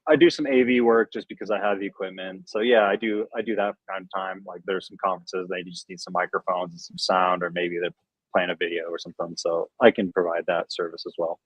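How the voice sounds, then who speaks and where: Talking quickly in a low, husky voice, a young American DJ and producer appears as a guest on a livestream video call. His relaxed chat rambles along full of fillers, heard through a dull, dry lo-fi recording with no room sound.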